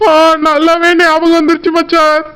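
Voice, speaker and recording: A woman's voice: extremely high pitch, monotone, moderate pace, a bit bright. A woman voicing a nervous young husband who pleads with his brother-in-law, with a Tirunelveli Tamil accent. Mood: pleading. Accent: southern Tamil Nadu (Tirunelveli). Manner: pleading, fearful, joking asides. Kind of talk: cartoon voice acting.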